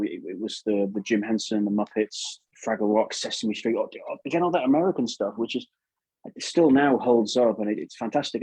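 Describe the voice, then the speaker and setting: This podcast guest is a puppeteer from England who speaks with an English accent, talking in a relaxed, eager way as he rambles and keeps repeating words. He has a lowish, darkish, husky voice, captured with no echo on a low-quality recording.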